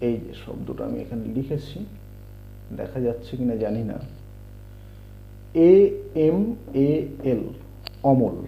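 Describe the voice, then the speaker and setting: A man teaching English letter sounds, spelling words out and repeating the sounds slowly. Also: mid-range voice, sing-song, slight background noise. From India. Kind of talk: slow explanatory lesson. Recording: dull lo-fi home recording.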